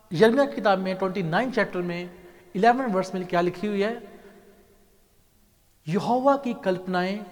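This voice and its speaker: A male pastor giving a lively sermon, often asking his congregation questions and slipping in English phrases. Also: sits high, long reverb tail. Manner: animated preaching, asks the congregation questions, mixes in English. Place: church hall.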